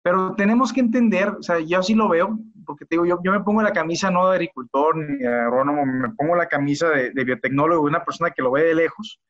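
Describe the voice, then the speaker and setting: A man's voice: a little high, fast, few pauses, a bit bright. A man, a biotechnologist guest on a podcast, talking earnestly and often repeating words as he restarts his sentences. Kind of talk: casual interview talk. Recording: dull lo-fi audio.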